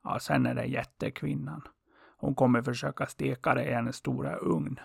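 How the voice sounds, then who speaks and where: A man voicing a wise old male merchant in a fairy tale, giving a prince patient, earnest instructions in a husky, gravelly voice. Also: mid-range voice, steady tone, dry recording, studio quality. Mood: earnest advice. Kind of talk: storybook role-play.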